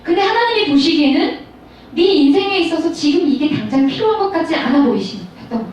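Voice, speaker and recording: A woman pastor in her thirties giving a storytelling sermon to high school students, speaking directly to her listeners. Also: quick pace. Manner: storytelling, animated, addresses audience directly. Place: large school hall. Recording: echoey hall, mic far off, faint noise.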